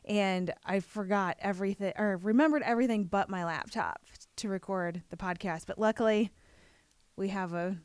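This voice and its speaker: A woman's voice: mid-range voice, moderate pace, clean tone, dry recording. A woman hosting a podcast in casual chat, rambling along in a self-deprecating way. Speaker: podcast host. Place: room at a gym.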